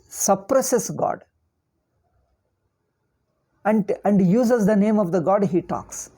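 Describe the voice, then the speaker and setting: Mellow, husky South Indian-accented older speaker. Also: medium pitch. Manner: repeats words and phrases emphatically. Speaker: spiritual teacher. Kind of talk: informal religious discourse.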